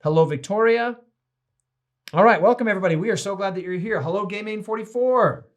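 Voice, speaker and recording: High-voiced upbeat male pastor. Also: a little fast, muffled recording. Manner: upbeat, greets viewers by name. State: tired. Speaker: host and pastor. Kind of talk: casual livestream chat.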